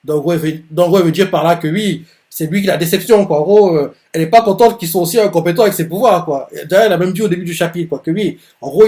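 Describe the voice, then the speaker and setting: Rambling man explaining manga, higher voice. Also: a little mellow. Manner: rambling, full of filler words. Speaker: manga reaction host. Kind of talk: casual manga reaction commentary.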